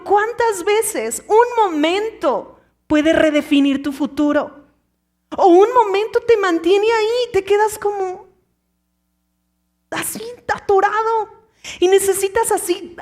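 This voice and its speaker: High-voiced woman preaching a sermon. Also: unhurried. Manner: impassioned, swings from loud to hushed whispers. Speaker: pastor.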